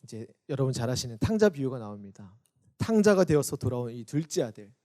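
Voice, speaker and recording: A man, a youth pastor, preaching a Sunday sermon for an online service; he acts out quoted voices, rising loud and then dropping soft. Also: medium pitch, very animated, quick pace.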